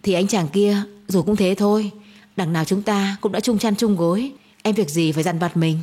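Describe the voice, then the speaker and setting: A cold, manipulative young man, read by a woman narrator, speaking calmly and smugly in an even tone. The husky, breathy voice stays flat and unbothered. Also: medium pitch, normal speed, natural voice. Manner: calm, smug, flat.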